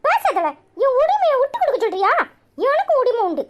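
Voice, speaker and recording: Voicing a feisty little village girl with a Kanyakumari Tamil accent for a cartoon, a woman delivers indignant, sharp, sarcastic arguments. Her very high-pitched voice swings widely in pitch at a brisk pace, and the highs are cut off.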